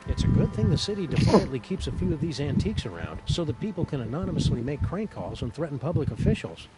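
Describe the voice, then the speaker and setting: Dry cartoon dog detective, wordy drawl, fairly high male pitch, animated intonation, comedy game. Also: fast, low-quality recording. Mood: wry. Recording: loud music behind the voice.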